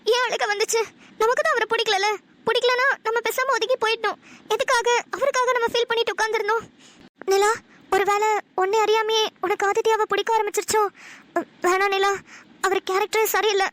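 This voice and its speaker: A woman's voice: very high voice, fairly even intonation, brisk, a bit bright. A woman voicing a proud, touchy young wife in a cartoon, pouting and answering back through tears. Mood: musing. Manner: pouting, tearful retorts. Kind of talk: Tamil cartoon dialogue.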